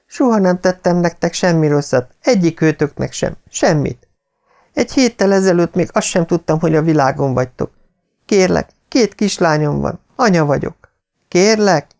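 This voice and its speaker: A man's voice: on the high side, lively intonation, creaky, a little mellow, pitched above the performer's own voice. A man voicing a terrified young mother who is begging desperately for her life in an audiobook. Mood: pleading. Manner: pleading, desperate.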